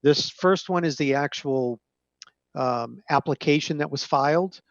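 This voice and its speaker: A man on a video call, presenting application documents to a zoning board page by page in a measured, hesitant way with frequent fillers. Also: on the high side, creaky, no echo. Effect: heard over a video call. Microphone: computer microphone on a video call. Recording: dull, narrow-band call audio.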